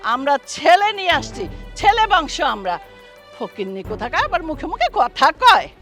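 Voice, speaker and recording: A woman's voice: sits high, very animated, moderate pace, a bit bright, faint music behind, full character voice. An actress playing a domineering older mother-in-law who scolds in coarse, rustic speech. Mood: scornful.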